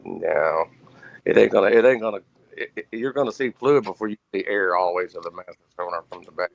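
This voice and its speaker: Gravelly, lowish man on dull mic. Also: fast, dry recording. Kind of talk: casual chat.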